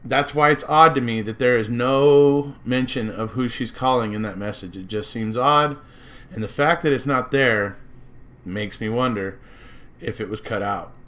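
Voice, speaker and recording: A man's voice: mid-range voice, moderate pace, a bit bright. Rambling American man, casual commentary. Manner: rambling, circling back and repeating himself. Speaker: true-crime commentator. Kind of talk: casual speculative monologue.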